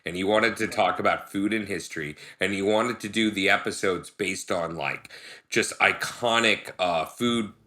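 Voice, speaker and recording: Man, podcast co-host, low-ish bright voice, chatty, filler-heavy storytelling. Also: normal speed. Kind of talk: casual podcast chat.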